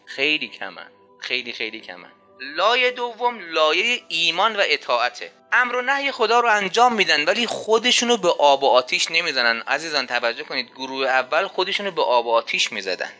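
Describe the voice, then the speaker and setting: A man's voice: on the high side, sharp tone. A man preaching a religious sermon in an emphatic style, repeating key phrases and asking rhetorical questions.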